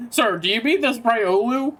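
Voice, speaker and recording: A man's voice: extremely high pitch, animated, moderate pace, fairly bright tone. A man streaming a video game, chatting casually with friends and laughing often. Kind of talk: casual chat while playing a game.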